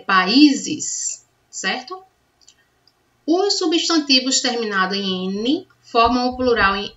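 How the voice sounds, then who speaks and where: Brazilian-Portuguese grammar teacher, bright voice. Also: female voice, on the high side. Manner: patient, checks in with "tá certo?". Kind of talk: grammar lesson. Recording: distant, dull lo-fi sound.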